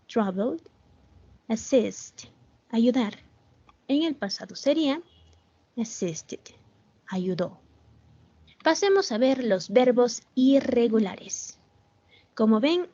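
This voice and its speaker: Slow, patient woman teacher on a call. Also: a little high, warm tone, no room sound, highs cut off. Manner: patient, slow, repeats "¿Ven?" to check understanding. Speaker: English teacher. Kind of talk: online class explanation. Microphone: video call.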